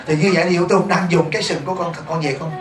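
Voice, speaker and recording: Fast, high-voiced Southern Vietnamese monk. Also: male voice, a crowd in the background. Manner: lively, keeps asking the audience rhetorical questions. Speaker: Buddhist monk teacher. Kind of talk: dharma talk to a congregation. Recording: echoey room, distant mic, faint hiss.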